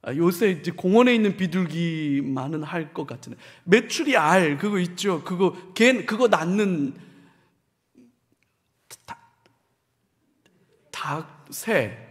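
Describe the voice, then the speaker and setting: A man, a pastor, giving a Bible lecture in a church with animated, humorous storytelling and soft, hushed asides. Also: high voice, slow pace, long pauses. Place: church hall. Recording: long church-hall reverb.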